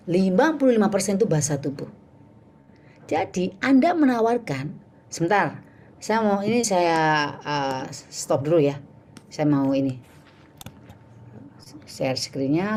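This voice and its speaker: A woman teaching public speaking in an online workshop over a video call, acting out little sales dialogues as she goes. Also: fairly low pitch. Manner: animated, acts out sales dialogues.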